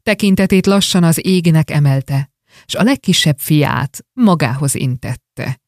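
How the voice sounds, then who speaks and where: A narrator reading a rhymed story aloud with a steady verse rhythm and expressive delivery. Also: medium pitch, no room sound, clean studio sound.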